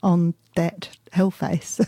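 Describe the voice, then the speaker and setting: A middle-aged woman from England, a radio guest chatting casually and hesitantly, with many ums and soft laughs. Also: lowish voice, little pitch movement, drawn-out words, no echo. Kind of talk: casual interview chat.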